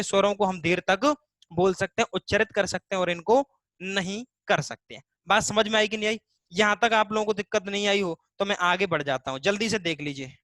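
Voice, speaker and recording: Teaching Hindi live online, this man speaks in a high, slightly bright voice captured in a dry recording. He goes through the material step by step, asks students' questions on their behalf, and stretches vowels as examples.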